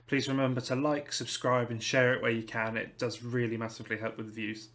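A man's voice: mid-range voice, flat delivery, a little fast, a bit bright. A young man hosting a football podcast, politely reading out prepared questions and wrapping up the show. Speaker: podcast host. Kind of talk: casual podcast interview.

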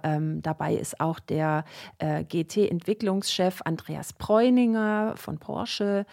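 A woman with a lowish voice full of vocal fry co-hosts a podcast. She presents information informally, as if chatting with a colleague. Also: a little mellow. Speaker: podcast co-host.

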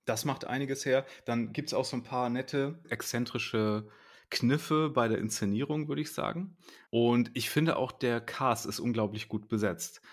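In an easygoing podcast conversation, this male co-host reviews a series in a mid-range, unhurried voice. He talks casually and laughs from time to time.

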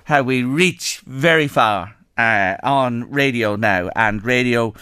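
A man's voice: medium pitch, slow pace, bright, forceful tone, clear, resonant tone, no room sound, clean studio sound. An Irish man hosting a radio phone-in, chatting in a conversational, effusive way. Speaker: radio host. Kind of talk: casual phone-in chat.

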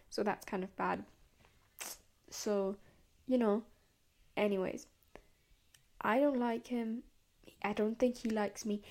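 A woman's voice: on the high side, a little mellow. A young woman hosting a podcast, delivering a heated, profane, rambling rant and dropping into hissed whispers on the insults. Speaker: podcast host. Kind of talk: casual monologue rant.

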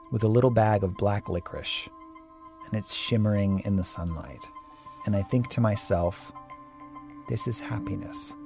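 A man with a fairly low voice hosts the show in scripted narration. He speaks in a measured, reflective way. Soft music plays faintly behind him. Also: vocal fry. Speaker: podcast host.

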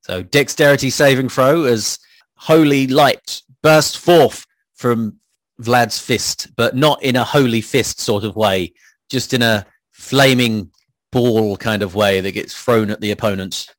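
A man's voice: mid-range voice, measured pace. A man playing a tabletop game, playful and jokey, describing his characters' actions. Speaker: player.

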